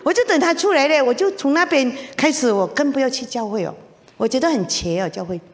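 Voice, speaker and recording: A middle-aged woman gives her personal testimony from the front of a church, her voice sitting fairly high. She tells the story in an animated way and acts out what others said to her. A long reverb from the hall hangs on every word. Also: fairly quick, slight background noise. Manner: animated storytelling with laughs and acted-out quotes.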